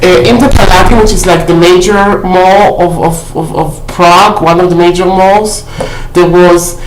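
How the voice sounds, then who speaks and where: Against a noisy background, a woman with a lowish voice and fairly even intonation talks at a moderate pace about her shopping haul. It's casual vlog chatter recorded in a room at home, echoey and roomy, full of fillers and regular "okay?" check-ins.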